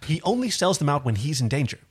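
A man co-hosting a podcast, chatting casually about a TV series, talkative and quick to laugh. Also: fairly high pitch, sing-song, husky. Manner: chatty, hesitant restarts, laughs easily. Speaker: podcast co-host. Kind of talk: casual chat reviewing a TV series.

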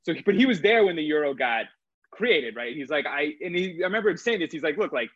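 A man's voice: a little high, lively intonation, quick pace, fairly bright tone, no room sound. A man talking as an interview guest about his trading career, rambling and filling his sentences with "like". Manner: rambling, heavy use of filler "like". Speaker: guest, crypto trader. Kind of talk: casual interview talk. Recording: dull, slightly lo-fi dry sound.

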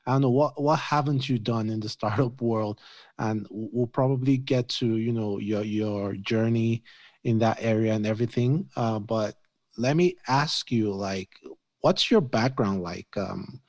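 A man hosting a podcast, interviewing a guest in a relaxed, chatty way with fillers. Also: fairly low pitch, unhurried, no echo. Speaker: podcast host. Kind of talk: casual interview conversation.

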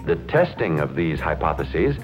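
A man giving formal scripted narration in an old newsreel, with a measured announcer-like delivery. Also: extremely low pitch, sing-song, faint music behind. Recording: dull lo-fi old newsreel audio.

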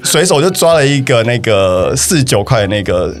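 A man's voice: medium pitch, sing-song, normal speed, soft background music. A young man with a Taiwanese Mandarin accent, casually telling a personal story on a podcast, hesitant and often repeating himself. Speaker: guest telling his breakup story.

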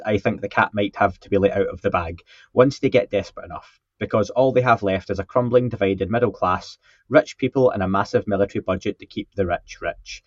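A man's voice: on the low side, dry recording. Joking man on a muffled mic. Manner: joking, self-deprecating, repeats words when starting. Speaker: podcast co-host. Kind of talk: casual podcast chat, reading listener comments. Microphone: podcast microphone with a faulty setup. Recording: dull, muffled mic sound.

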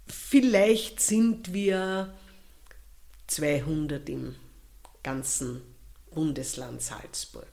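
A woman with an Austrian accent, answering interview questions in a slow, thoughtful way with pauses and restarts. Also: low voice, gravelly, a little mellow. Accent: Austrian German.

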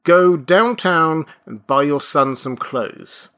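A man's voice: fairly high pitch, takes it slowly, a bit bright, pitched above the performer's own voice. A man voicing a stern, prim, bossy female nurse in a storybook reading, with a severe, commanding manner.

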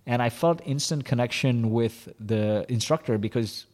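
Male interview guest, founder, candid animated storyteller, mid pitch, long reverberant hall. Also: moderate pace. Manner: animated, confessional, heavy use of "like" and "you know".

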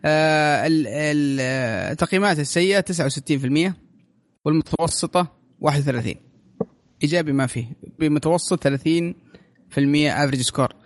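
A man's voice: on the high side, fast. A man with a Gulf Arabic accent hosting a casual film chat, dropping English terms into his Arabic. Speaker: podcast host presenting a list.

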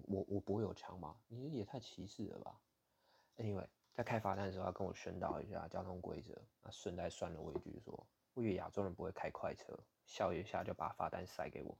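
A man's voice: deep voice, creaky, darkish tone, breathy edge. A man from Taiwan with a Taiwanese Mandarin accent, hosting a podcast and telling stories casually, candid and indignant, swearing bluntly now and then. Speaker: podcast host. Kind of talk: casual storytelling monologue.

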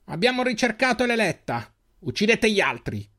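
A man's voice: sits high, big pitch swings, moderate pace, bright, forceful tone, voice pushed up, full character voice. A man voicing a cruel, sneering male bandit leader in an audiobook, with a slimy, taunting delivery. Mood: commanding.

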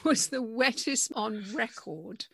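A woman's voice: on the high side, lively intonation, slow pace, creaky, a bit bright, slightly rough. A woman hosting a gardening podcast, talking in a chatty, enthusiastic way with her co-host. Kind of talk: casual chat.

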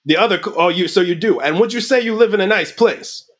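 A man playing a bumbling detective in an improvised comedy interrogation, stumbling and restarting his questions. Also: high-pitched. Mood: deadpan. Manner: halting, stumbling over questions. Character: bumbling male detective with a self-declared accent.

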